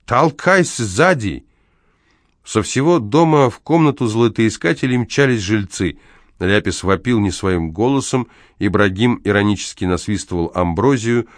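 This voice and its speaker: A man narrating an audiobook in a measured, even reading. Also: on the low side, no echo, clean studio sound. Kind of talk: scripted narration.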